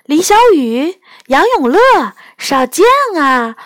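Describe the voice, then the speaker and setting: A woman's voice: high-pitched, animated, slow, dry recording, clean studio sound, pitched above the performer's own voice. A woman voicing a chatty, cheeky stray cat that tacks a meow onto its lines, read in a children's storybook. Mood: chirpy.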